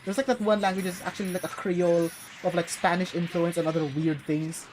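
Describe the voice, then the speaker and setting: Against a noisy background, a young Filipina gameplay streamer talks fairly quickly in a lowish voice with fairly even intonation. A native English speaker, she rambles through casual gaming chat with fillers and casual swearing.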